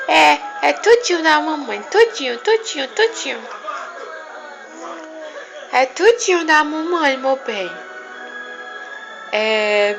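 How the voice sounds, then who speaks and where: Cooing mother in high baby talk. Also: rough recording. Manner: cooing, sing-song, affectionate.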